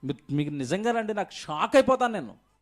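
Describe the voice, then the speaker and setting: A man's voice: high voice, very animated, fairly quick. A male pastor preaching an emphatic sermon at a church service, firing rhetorical questions at the congregation.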